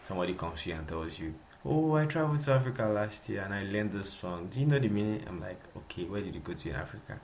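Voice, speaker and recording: Here a young Nigerian host speaks quickly with few pauses, his fairly low voice animated and slightly mellow. He runs a casual solo podcast in a Nigerian accent, chatting, repeating himself and laughing often, with a little hiss or hum present.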